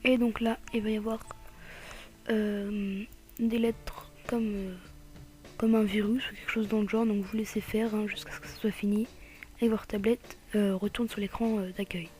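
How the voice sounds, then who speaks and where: A woman with a French accent talks viewers through a tablet tutorial in a casual, hesitant way, often dropping to a half-whisper and filling pauses with "euh". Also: mid-range voice, little pitch movement, dark tone, soft background music. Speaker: tutorial maker. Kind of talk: casual screen tutorial voice-over.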